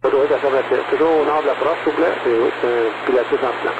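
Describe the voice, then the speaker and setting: A man's voice: medium pitch, fast talker. A man with a Quebec French accent working as an air traffic controller, talking in informal, loose phrases over aviation radio. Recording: noisy, muffled aviation radio.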